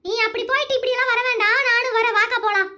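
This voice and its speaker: A woman voicing a loud, blunt and talkative middle-aged village woman in a cartoon. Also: extremely high pitch, fairly even intonation, fast, background noise. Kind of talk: cartoon voice acting.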